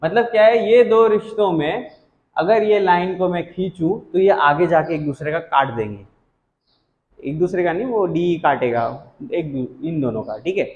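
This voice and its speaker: A young male math teacher, slightly higher voice than most men. He talks through a lesson in a chatty, teasing, reassuring way. The sound is dull and lo-fi, in an echoey room. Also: normal speed, a little mellow. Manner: chatty, teasing, reassuring, works sums aloud. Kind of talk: casual whiteboard math lesson.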